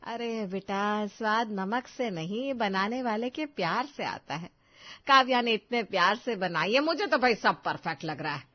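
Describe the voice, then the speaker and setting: A woman playing a sharp-tongued, bossy middle-aged mother-in-law in an audio drama, scolding one moment and sugary the next. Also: medium pitch, sing-song, fairly quick, hardly any pauses. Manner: scolding, then sugary sweet. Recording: slightly dull lo-fi recording.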